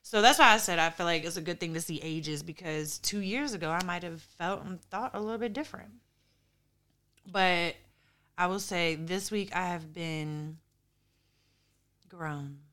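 A woman in her early thirties co-hosts a casual podcast, thinking aloud with emphasis. Her voice is bright and sits a little low. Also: unhurried, pauses often. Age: 30s. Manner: reflective, emphatic. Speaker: podcast co-host. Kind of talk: casual chat.

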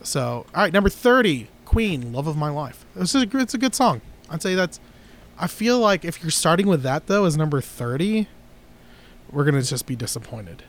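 Man, podcast co-host, casual chat, rambling, opinionated, slightly high voice. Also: lively intonation, normal speed. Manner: rambling, opinionated, lots of restarts.

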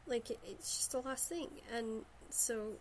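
A woman's voice: on the high side, a little slow, slight background noise, poor audio. A woman from Shetland with a Shetland Scottish accent, chatting casually about books. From Shetland, Scotland.

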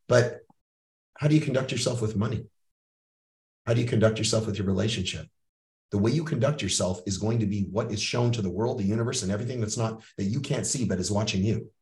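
A middle-aged Canadian man hosting a podcast, talking bluntly and profanely in a motivational coaching tone. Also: medium pitch. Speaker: podcast host. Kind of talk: motivational monologue. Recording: roomy sound, mic at a distance.

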